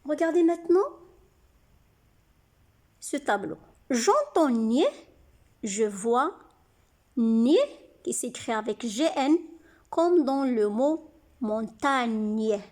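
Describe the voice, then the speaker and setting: A woman teaching young children to read, sounding out syllables slowly and clearly. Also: on the high side, lively intonation, darkish tone. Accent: French-speaking North African. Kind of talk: slow, deliberate reading lesson for children.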